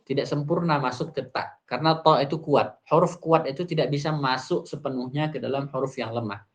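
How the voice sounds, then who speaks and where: A man teaching the rules of Quran recitation, reading Arabic lines and explaining them, slowly drawing out example words. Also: mid-range voice. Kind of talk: tajwid lesson explaining a classical text.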